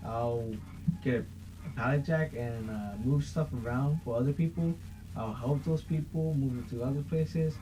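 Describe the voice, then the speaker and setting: A man's voice: mid-range voice, normal speed, loud music behind the voice. A young man hosting a podcast, chatting casually in a rambling, profane way. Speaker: podcast host. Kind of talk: casual chat. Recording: muffled with faint hiss.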